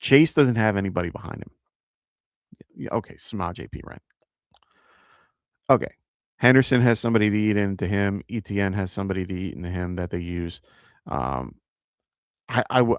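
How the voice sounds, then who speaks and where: Hosting a live fantasy football show, a man with a New York accent thinks aloud and fills his answers to viewer questions with lots of fillers. His low, smooth voice comes through in clean studio sound without echo.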